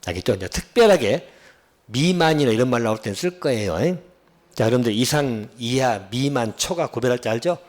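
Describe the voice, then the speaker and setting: Male cram-school lecturer, mid pitch, blunt and informal, keeps checking students follow, drags out key terms. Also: expressive, fairly quick, a little mellow. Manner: drills students with repeated check-in questions. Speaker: real estate law lecturer. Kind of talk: exam-prep lecture.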